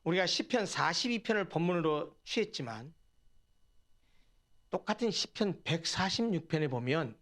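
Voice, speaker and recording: A man's voice: a little high, lively intonation, moderate pace, a bit bright. A man preaching a sermon as pastor in a church, talking earnestly and putting rhetorical questions to his congregation. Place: church sanctuary.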